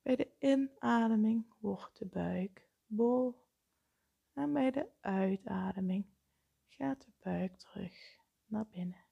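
A woman leading a guided meditation, speaking softly with frequent breathy, half-whispered phrases. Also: medium pitch, lo-fi sound. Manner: slow, soft-spoken, often breathy and whispered.

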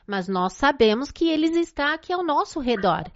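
A woman's voice: high-pitched, sing-song, fairly quick. A woman hosting a live stream, chatty and speaking straight to her viewers. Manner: chatty, addresses the audience directly. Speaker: host. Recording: dry, dull lo-fi sound.

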